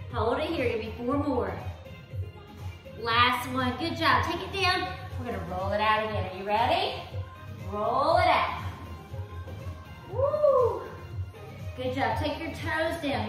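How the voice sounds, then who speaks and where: A woman's voice: high-pitched, pushed and bright. A woman working as an aerobics instructor, cueing and counting exercises with encouragement as she does them herself in a living room. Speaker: aerobics instructor leading a core workout. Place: living room with hard wood floor, indoors. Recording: very echoey room, faint music behind.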